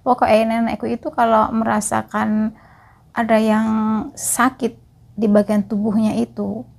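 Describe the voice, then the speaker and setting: A woman's voice: fairly high pitch, level tone, unhurried, creaky, a little mellow. A woman from East Java, a migrant caregiver chatting casually to her viewers in a vlog and often calling them friends. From East Java, Indonesia.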